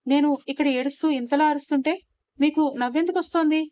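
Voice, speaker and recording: A woman's voice: high voice, a little fast, smooth, no echo, lo-fi sound, close to an everyday voice. A woman doing an emotional young newlywed wife. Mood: tearful scolding.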